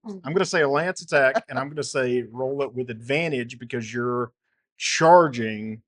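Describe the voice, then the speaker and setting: A man's voice: medium pitch, moderate pace, fairly bright tone. A man narrating as game master, explaining rules in an easygoing way with loose restarts.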